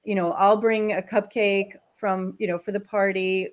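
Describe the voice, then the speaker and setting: A woman guest on a podcast, chatting casually and telling animated stories about her kids. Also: mid-range voice, normal speed. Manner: animated storyteller, acts out voices. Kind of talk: casual chat.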